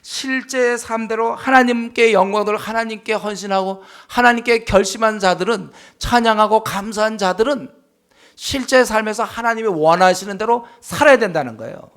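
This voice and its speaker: A man's voice: sits high, moderate pace, fairly bright tone. A male pastor preaching a Bible study sermon, emphatic, with frequent rhetorical questions and affirming interjections.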